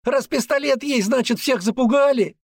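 A man voicing a defiant young male blogger who shouts in a shrill, indignant voice. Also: sing-song, moderate pace, no room sound, studio quality. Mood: hysterical.

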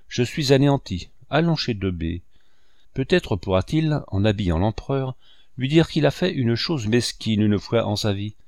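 A man's voice: lowish voice, creaky, darkish tone, no echo, studio quality. A man reading the part of an old, sorrowful male painter, speaking in impassioned, wounded pleading.

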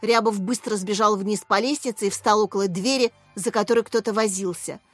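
A woman reading a children's story aloud as the narrator, in clear, even storytelling. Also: mid-range voice, fairly quick, no echo. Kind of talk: audiobook narration. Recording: dry close voice with soft music.

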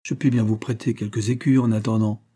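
A man's voice: lowish voice, level tone, brisk, warm tone, slightly rough. A man reading as a kindly older mother.

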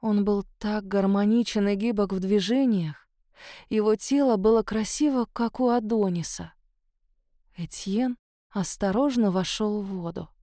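A woman narrates a first-person audiobook story in a soft, confessional way. Her voice sits at a middle pitch, and the recording is close and dry with no room sound. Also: no room sound.

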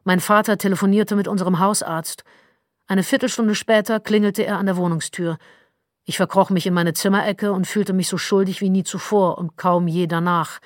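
A woman narrating an audiobook in a measured, wry storytelling manner, close to the mic. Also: medium pitch, fairly even intonation, dry recording. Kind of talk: scripted narration.

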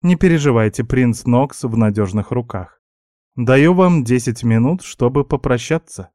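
A calm, businesslike healer woman, as a man puts her on, speaking in a slightly lifted, dark and dry voice. She reassures without fuss. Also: mid-range voice, a little slow, dry recording, close to an everyday voice. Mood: reassuring. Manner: composed, reassuring, matter-of-fact. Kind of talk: audiobook character voice.

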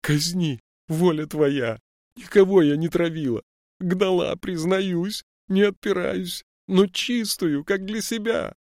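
A man voicing a frightened old woman moonshiner who wails and pleads in a high, strained voice. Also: slow, darkish tone, dry recording, clean studio sound. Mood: wailing. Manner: wailing, pleading.

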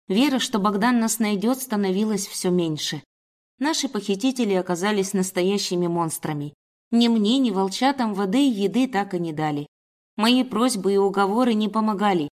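Woman narrator, first-person storybook reading, steady and even pacing. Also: mid-range voice.

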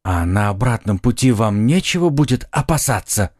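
A man's voice: lowish voice, expressive, moderate pace, darkish tone, no echo, clean studio sound. Brief: narrator as a passionate young nobleman; insistent, earnest; audiobook. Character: ardent young male nobleman and swordsman. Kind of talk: audiobook acting.

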